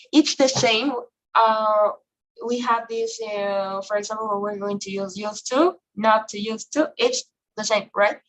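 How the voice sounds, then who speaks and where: A woman's voice: mid-range voice, fairly bright tone, slight background noise, rough recording. Woman teaching English online. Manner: frequent checking questions, filler okay and right.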